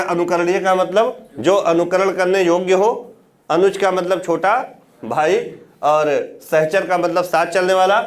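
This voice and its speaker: A man teaching a classroom lecture. He keeps asking his students questions, answers them himself and repeats the key words. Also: high-pitched. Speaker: Hindi exam teacher.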